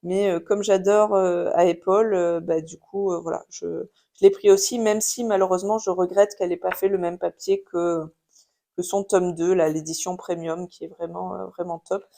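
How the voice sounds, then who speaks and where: A woman's voice: on the low side, fairly even intonation, normal speed, creaky, warm tone. A woman in her thirties with a French accent, chatting casually in a haul video at home, with many fillers and restarts. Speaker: craft YouTuber showing purchases. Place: home with a baby nearby.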